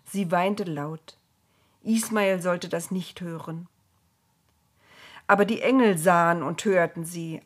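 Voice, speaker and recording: Woman, storyteller, breathy voice, slow and measured. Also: fairly low pitch. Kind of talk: children's story reading.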